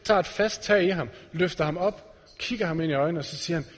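A man giving a sermon to a congregation in an earnest way, putting direct questions to his listeners. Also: on the high side. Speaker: preacher. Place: church hall. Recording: reverberant church hall.

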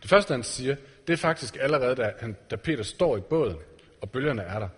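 A man's voice: medium pitch, expressive, a bit bright, breathy edge. A man giving a sermon to a congregation in an earnest way, putting direct questions to his listeners. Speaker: preacher. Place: church hall. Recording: reverberant church hall.

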